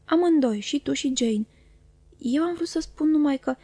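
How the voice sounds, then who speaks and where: A woman reading the part of a timid, gentle young mother who speaks shyly and hesitantly. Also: high-pitched, no room sound, pitched above the performer's own voice. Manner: shy, hesitant.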